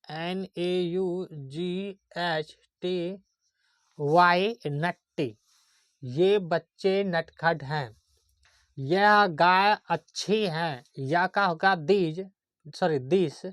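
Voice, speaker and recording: Slow, patient male teacher. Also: high-pitched, a bit bright, clean tone, no echo, clean studio sound. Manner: slow, patient, checks understanding often. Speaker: English grammar teacher. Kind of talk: classroom grammar lesson, spelling words letter by letter.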